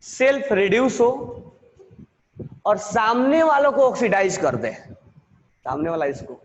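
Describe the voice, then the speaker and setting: High-voiced teacher in an echoey room. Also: male voice, animated. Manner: repeats key terms slowly, quizzes students with questions. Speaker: chemistry teacher. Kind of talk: classroom lecture.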